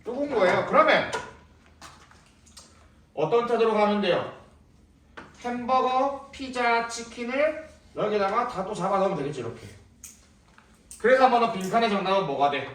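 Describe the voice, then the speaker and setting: A man's voice: sits high, expressive, fairly quick, long pauses, a bit bright, a little hiss or hum. A young male English teacher lecturing a class, firing questions at students and repeating words as a drill, heard from a distance in a classroom. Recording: echoey room, voice from a distance.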